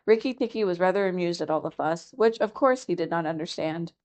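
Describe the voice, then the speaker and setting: Field: audiobook. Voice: woman reading aloud, low and calm. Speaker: library storyteller. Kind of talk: audiobook reading of a children's classic.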